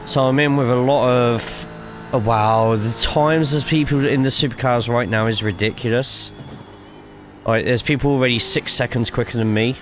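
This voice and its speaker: A man's voice: mid-range voice, steady tone, moderate pace, a bit bright, a little hiss or hum. A man with a cough giving casual, chatty live commentary while streaming a sim racing game, swearing freely and reading chat aloud.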